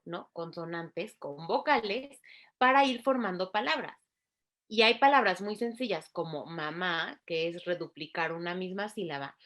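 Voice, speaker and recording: A woman speech therapist, explaining clearly and didactically in an interview, spelling out sounds slowly. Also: mid-range voice, fairly bright tone.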